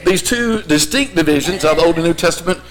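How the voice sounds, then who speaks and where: Male preacher, high-pitched voice, explanatory sermon delivery with rhetorical questions. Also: quick pace, rough recording. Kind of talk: sermon, teaching Bible basics point by point.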